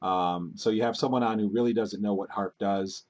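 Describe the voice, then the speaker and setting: Husky low-voiced man giving commentary. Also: fairly even intonation, a little mellow. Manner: deliberate, analytical, with many fillers. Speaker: commentator analyzing a TV clip. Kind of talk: casual commentary.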